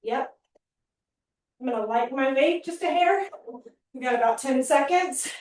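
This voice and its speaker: Breathless high-voiced woman coaching a workout. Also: normal speed. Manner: upbeat coaching, counting reps, breathless between sets. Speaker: fitness trainer. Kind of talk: workout class instruction. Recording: very echoey room, mic at a distance.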